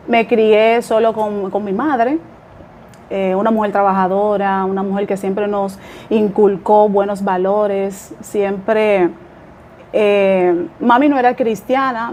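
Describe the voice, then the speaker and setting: A pastor from the Dominican Republic, guesting on a podcast, tells her life story with a Dominican Spanish accent. Her medium-pitched voice carries a slight hiss or hum, and she comes across warm, humble and chatty, with small laughs and fillers.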